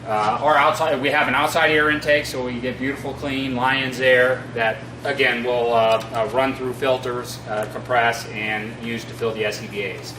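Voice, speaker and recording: A middle-aged man giving an informal instructional demonstration in a halting, matter-of-fact way. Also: mid-range voice, steady tone. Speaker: fire district equipment trainer. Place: concrete-floored equipment room, indoors. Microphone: distant camera across the room. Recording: echoey, noisy, distant camera sound.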